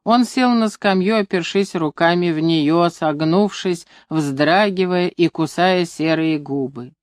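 A reader narrating a literary story with measured, expressive delivery. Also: mid-range voice, no room sound, clean studio sound.

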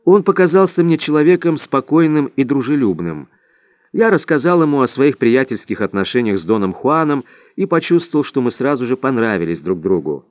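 Male first-person narrator, mid pitch, expressive measured read, dry booth, slightly muffled. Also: no echo. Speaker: audiobook narrator. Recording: dry, slightly dull recording.

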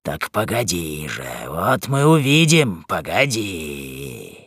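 A man's voice: sits low, sing-song, slow pace, slightly rough, no room sound, clean studio sound, pitched below the performer's own voice, full character voice. A man voicing a coarse, drunken male cobbler-jailer who bullies and snarls in an audiobook. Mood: snarling. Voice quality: growling, coarse. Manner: bullying, shouting. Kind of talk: audiobook character reading.

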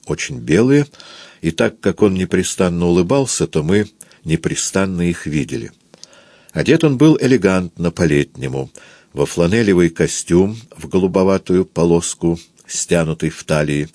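Deep-voiced man reading a novel aloud. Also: darkish tone, no echo. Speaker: narrator. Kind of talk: audiobook literary narration.

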